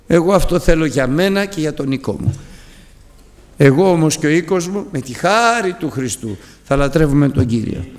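Impassioned high-voiced male preacher. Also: fairly bright tone, long reverb tail. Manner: impassioned, exhorting with repeated appeals. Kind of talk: sermon. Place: church.

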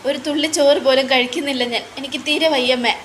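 A woman's voice: high voice, steady tone, fairly quick, sharp tone, a little hiss or hum, voice pushed up. A woman voicing a young wife who is sobbing and pleading in a retold TV serial scene. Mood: distraught. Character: young wife, tearful and desperate.

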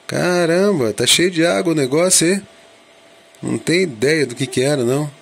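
This drone vlogger's mid-range voice is a bit bright and slightly rough as he chats informally, musing aloud and quizzing himself.

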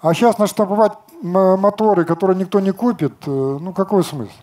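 An older man talking on an outdoor festival stage in a somewhat high but dark, mellow voice. He lectures with confidence and answers objections with rhetorical questions of his own. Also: a little fast. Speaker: company chief designer answering questions.

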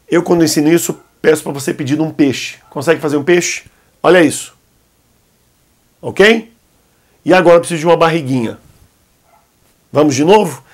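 A man teaching the alphabet at a whiteboard, whose first language is Arabic. He talks patiently and coaxingly, and says each letter's sound slowly so the learner can repeat it. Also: on the high side. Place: indoor classroom at a whiteboard.

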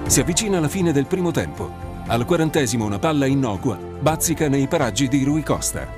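Measured male narrator over music. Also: mid-range voice, lively intonation. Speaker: documentary narrator. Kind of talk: scripted narration.

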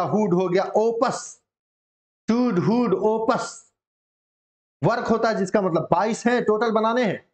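A male English vocabulary teacher, drilling words with students in a casual, encouraging coaching-class manner. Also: high-pitched. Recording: dull lo-fi sound.

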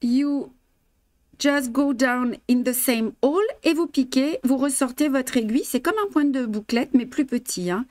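Slow, patient embroidery teacher, a woman. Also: high-pitched, darkish tone, no echo. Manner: patient step-by-step instructions with many fillers; chatty, greets and answers viewers' comments. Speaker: embroidery teacher hosting a live stream. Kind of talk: live craft demonstration, switching languages.

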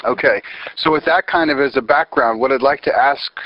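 An American man hosts a phone interview, earnest and wordy with lots of fillers. His medium-pitched voice moves a little fast, and the phone recording is dry and slightly muffled.

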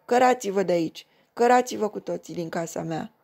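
Bitter raspy old man, seventies, grieving, voiced by a woman reader in a storybook reading, gravelly. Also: medium pitch, fairly even intonation, darkish tone. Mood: furious.

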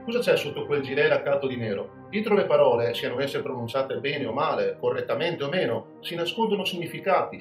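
A man from Veneto, a podcast host delivering a scripted, ironic and self-mocking monologue. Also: mid-range voice. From Veneto, Italy. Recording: roomy sound with background music.

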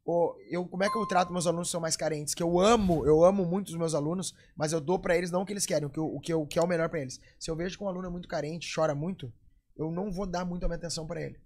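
A man's voice: fairly high pitch, steady tone, very fast, a little mellow, slight background noise. A man in his forties with a Gaúcho accent from southern Brazil, a jiu-jitsu coach talking emphatically and a bit preachily as a podcast guest. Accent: Gaúcho, Rio Grande do Sul. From Porto Alegre, southern Brazil. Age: 40s. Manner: emphatic, preachy, acts out quoted voices. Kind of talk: casual podcast chat.

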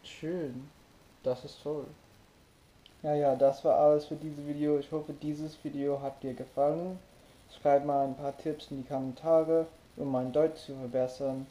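A man's voice: on the high side, little pitch movement, moderate pace, warm tone. A young man from the United States, a native English speaker with an American accent, carefully presenting a language-tips vlog in simple phrases. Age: young adult. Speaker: vlogger. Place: small bedroom, indoors. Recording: roomy, echoing bedroom sound.

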